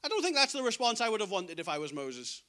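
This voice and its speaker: A man's voice: high-pitched, big pitch swings, quick pace, bright, forceful tone. A man preaching a sermon in an earnest, conversational way, acting out scripture dialogue as he goes.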